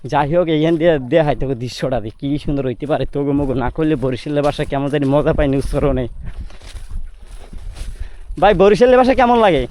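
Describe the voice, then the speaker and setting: A man's voice: on the high side, lively intonation, fast, a little mellow, a little hiss or hum. A young man from Bangladesh with a Barishal Bengali accent, chatting casually through a walking travel vlog outdoors in hill country, exclaiming at the views and out of breath from the climb. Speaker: travel vlogger. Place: hilly border area outdoors.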